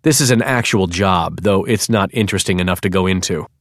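Low-voiced man, dry sardonic narration. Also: a little fast, dry recording. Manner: sardonic, wry deadpan. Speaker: audiobook narrator. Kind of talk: scripted first-person narration.

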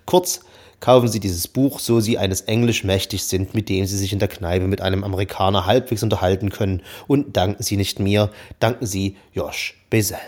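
Man, lowish voice, reads a wordy, ironic book review. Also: fairly even intonation, fairly quick, a little mellow. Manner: ironic, long-winded phrasing. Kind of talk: read-aloud book review.

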